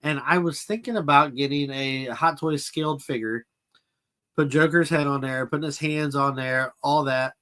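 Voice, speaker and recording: A man's voice: on the high side, fairly even intonation, moderate pace, fairly bright tone. A man hosting a casual live chat about toys and films, answering viewers' comments as he goes. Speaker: toy collector channel host.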